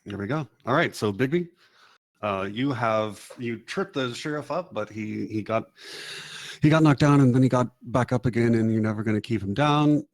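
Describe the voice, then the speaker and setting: A man running a tabletop game as game master, relaxed and joking as he makes rulings. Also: medium pitch, normal speed, no echo.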